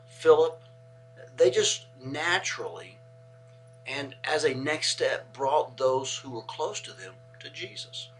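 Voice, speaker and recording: Measured man teaching from the Bible. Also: medium pitch, pushed and bright, a little hiss or hum, poor audio. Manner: measured, stresses key words and repeats them.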